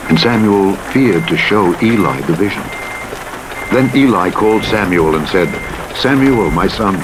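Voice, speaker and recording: Reading scripture from a script, a man narrates the Bible in a solemn, measured storytelling manner and acts out the dialogue. Rumbling truck and rain noise sit over the playback, including vehicle rumble and sounds from a truck simulator.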